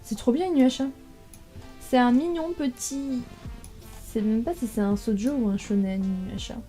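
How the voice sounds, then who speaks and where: A young woman casually ranking manga in a tier list, thinking aloud with many fillers and pauses. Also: a little high, warm tone, soft background music.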